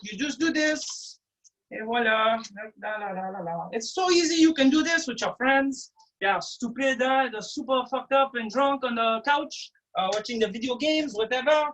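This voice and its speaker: High-voiced playful woman cooking host. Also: a bit bright, recorded from a distance, a little hiss or hum, low-quality recording. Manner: playful, exaggerated, chatty instructions. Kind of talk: comedic cooking demonstration.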